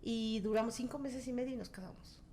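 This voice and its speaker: A woman shares a personal story as a guest. She is animated and acts out the quoted lines, in a fairly high voice. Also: quick pace, slight background noise. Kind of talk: casual testimony.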